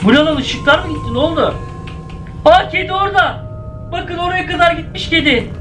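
A man giving excitable gameplay commentary, often breaking into shouted exclamations. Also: extremely high pitch, fairly quick, background noise. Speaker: gaming YouTuber.

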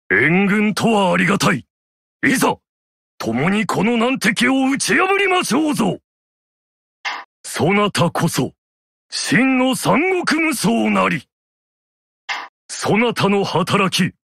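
A proud, honorable male warlord from a video game, barking battle cries and formal archaic commands. The voice is husky and bright, with wide swings in pitch. Delivery is slow and weighty, recorded dry and close. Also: no echo, exaggerated voice. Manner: archaic samurai-style formal speech, shouted battle cries. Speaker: game character voice.

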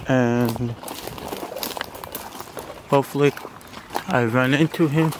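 A man's voice: mid-range voice, slow. A man chatting casually and unscripted as he explores, muttering to himself and swearing. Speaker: urban explorer filming a vlog. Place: abandoned building and its overgrown grounds. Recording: handheld recording with clear background noise.

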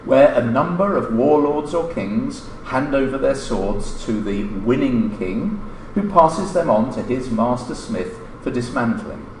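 A middle-aged man delivers a formal, deliberate lecture read from a prepared paper, pitched in the medium range with lively intonation. He stands at a lectern indoors, where the lecture hall's roomy echo and some background noise color the recording.

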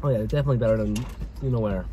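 A young man, a son co-hosting a food review and talking in a relaxed, agreeable way while eating in a parked car, picked up by a dashboard camera. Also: lowish voice, very fast, slight background noise. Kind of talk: casual chat in a car.

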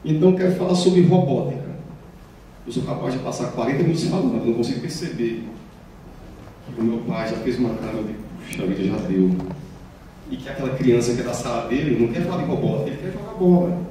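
A child psychiatrist from Paraíba, Brazil, speaking Brazilian Portuguese with a Paraíba accent, gives an explanatory public health lecture in a municipal hall, acting out quoted children and parents. His mid-range voice is fast with a dark tone. The recording is from far off in a very echoey hall, with faint noise.

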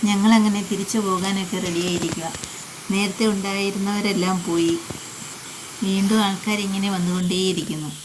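Female travel vlogger, English words mixed into Malayalam, mid pitch, noisy water-side recording. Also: fairly even intonation. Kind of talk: casual travel vlog narration. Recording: noisy outdoors, loud rushing water hiss.

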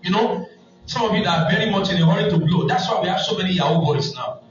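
A pastor with a Nigerian accent delivers a sermon in a high voice and mixes humorous stories into his preaching. He is heard from a distance in a strongly echoing church hall. The sound is dull and muffled, and soft music plays underneath. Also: fast talker.

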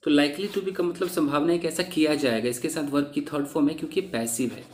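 A man teaching English through newspaper reading. He reads each English phrase slowly, then explains it quickly. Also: on the high side, a little mellow, reverberant.

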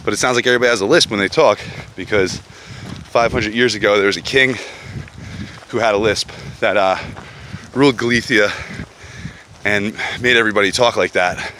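A man's voice: lowish voice, fairly even intonation, fairly quick, pushed and bright, a little hiss or hum. A man in a casual walking vlog, talking while he hikes through woods outdoors, in a laid-back, rambling, slangy way with lots of fillers. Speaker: vlogger walking a pilgrimage route. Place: outdoors on a woodland trail, walking.

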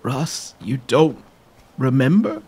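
A man voicing a mocking demon that clings to a man, in a gravelly demonic voice with a teasing, drawn-out manner. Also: mid-range voice, sing-song, a little mellow, full character voice. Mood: ominous.

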